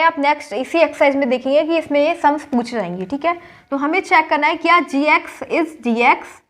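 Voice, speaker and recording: A high-pitched young woman walking through a math lesson one step at a time. She keeps checking in with her students and slips English math terms into her sentences. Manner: explains step by step, repeats checks with "ठीक है", mixes English terms into Hindi. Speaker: maths teacher.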